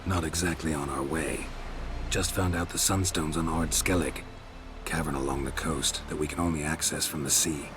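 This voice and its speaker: An actor playing a gruff, world-weary monster hunter in a video game, terse and dry with a gravelly voice. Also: male voice, very deep voice, fairly even intonation, moderate pace, background noise. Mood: dry, laconic.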